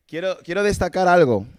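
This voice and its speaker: A slightly high, somewhat mellow male voice belongs to an evangelist from Cameroon preaching informally at a church service. In this conversational sermon he chuckles between points and asks the congregation rhetorical questions.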